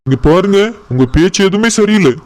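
In a cartoon, a voice actor plays a patient young husband defending himself, reasoning and pleading with his suspicious wife with a touch of sarcasm. The delivery is medium-pitched, animated, fairly quick and natural.

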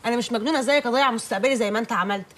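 An actress playing a bossy young wife who has become her husband's manager, scolding him rapidly in an Egyptian accent. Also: on the high side, lightly acted. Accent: Egyptian Arabic. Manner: bossy, scolding, quick-fire. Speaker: wife newly made her husband's boss.

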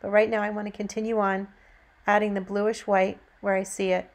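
A woman narrating a painting demonstration as an instructor, in a gentle, encouraging teaching manner. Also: medium pitch, little pitch movement, brisk.

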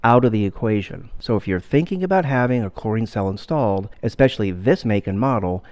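Low-voiced man explaining pool plumbing. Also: brisk. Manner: steady, explanatory. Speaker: pool care instructor. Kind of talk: scripted instructional voice-over.

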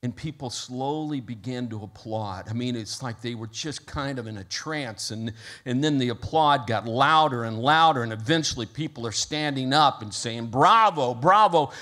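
Male pastor, mid-pitched voice, preaching in a church with building passion and softer prayer. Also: moderate pace. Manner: storytelling with rising intensity, then soft prayer. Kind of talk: sermon. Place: church sanctuary.

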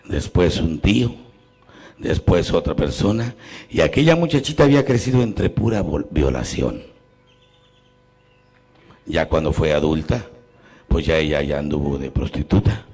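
Gravelly Mexican priest preaching. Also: male voice, rumbling low, measured pace, long pauses. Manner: preaches to a congregation and swings between loud emphasis and quiet, intimate questions; acts out the people in his stories. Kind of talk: sermon with storytelling.

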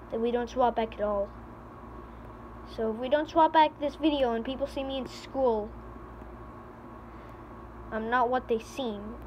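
A high-voiced teenage girl acting out a comedy skit for her vlog. She talks slowly and panics, pleading and yelling for help. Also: slight background noise. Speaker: vlogger.

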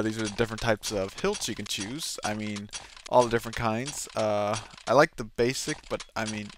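A man's voice: medium pitch, a little hiss or hum. A man hosting a let's play, giving casual gameplay commentary in a rambling, hesitant way with many restarts.

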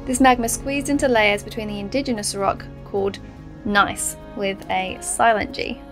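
A woman's voice: medium pitch, moderate pace. A woman narrating her travel vlog in a casual, upbeat, explanatory voice-over. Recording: music bed under voice.

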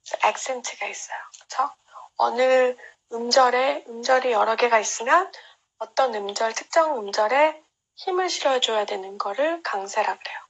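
Woman pronunciation coach, slightly high and gravelly, encouraging, drills each word over and over. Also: fairly bright tone, rough recording. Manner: coaching, repeats words slowly to demonstrate stress; encouraging praise for learners. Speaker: English pronunciation teacher. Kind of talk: live-streamed pronunciation lesson.

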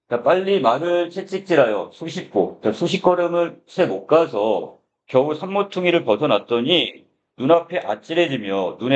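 A man teaching a literature class, explaining a classic prose text line by line and starting most phrases with a filler "so". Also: medium pitch. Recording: dull lo-fi lecture recording.

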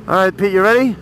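A man's voice: high-pitched, fairly bright tone, slight background noise, rough recording. A man joking and teasing with fellow riders over a helmet intercom while riding a motorcycle. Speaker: motorcycle vlogger. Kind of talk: casual chat between riders. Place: riding a motorcycle outdoors on roads. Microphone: helmet bluetooth intercom.

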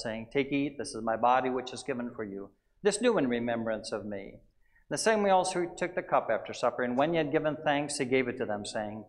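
A male pastor's voice rings with long, cathedral-like echo in a large church. He is middle-aged, with a mid-pitched voice. He recites the liturgy solemnly, in formal, measured phrases. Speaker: Lutheran pastor. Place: large church sanctuary at the altar.

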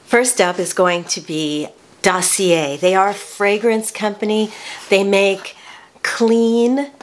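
A woman's voice: on the low side, a little hiss or hum. A woman in her sixties hosting a casual product review vlog from a bedroom, chatty and prone to restarting her sentences. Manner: chatty, with frequent restarts and self-corrections. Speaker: beauty vlogger. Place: small bedroom, indoors.

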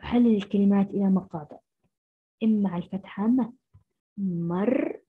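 A woman teacher, giving a first-grade phonics lesson and sounding out syllables slowly. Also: mid-range voice, slightly rough. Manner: slow, syllable-by-syllable sounding out of letters. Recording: muffled lo-fi recording.

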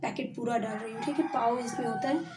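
Cooking at a gas stove for her home cooking channel, this woman chats away and explains every step, often dropping in "theek hai." She speaks fast in a fairly high, steady voice, recorded distant and echoey amid kitchen noise.

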